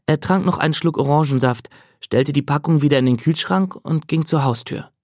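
A man reading a novel aloud as narrator, steady and measured. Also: on the high side, dry recording, clean studio sound. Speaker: audiobook narrator. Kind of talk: scripted narration.

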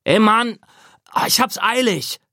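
A man voicing a brash, teasing teenage boy who talks loud and cocky, with his voice pushed well above his own. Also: a little high, sing-song, moderate pace, no echo, clean studio sound, pitched above the performer's own voice, full character voice. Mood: impatient.

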